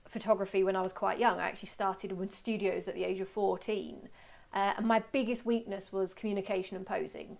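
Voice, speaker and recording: A British woman hosting a webinar in a chatty, informal, self-deprecating way, her voice slightly hoarse and giving out. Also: medium pitch. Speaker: webinar host and photography teacher. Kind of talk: casual webinar talk.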